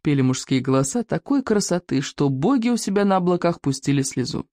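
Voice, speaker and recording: A reader giving an expressive, dramatic audiobook narration. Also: mid-range voice, a little fast, no room sound, clean studio sound. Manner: lively, dramatic storytelling.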